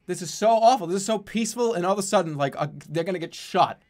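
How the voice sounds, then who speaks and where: Male gameplay streamer, raised pitch, casual delivery, profane and exasperated ranting with sarcasm. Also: fast, a little mellow. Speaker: video game streamer.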